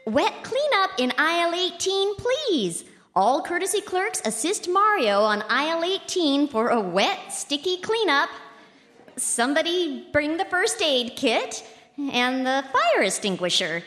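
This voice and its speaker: A woman playing a cheery, increasingly frazzled supermarket announcer speaking over a store PA system, with chirpy announcer patter and deadpan asides. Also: sits high, unhurried, heavily acted. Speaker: sketch performer. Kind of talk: live radio sketch comedy. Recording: echoey hall with music behind.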